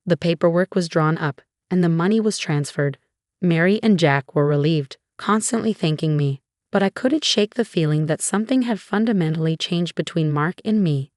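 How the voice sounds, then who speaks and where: A woman narrating a first-person story in an even, measured way. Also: on the low side, dry recording, clean studio sound.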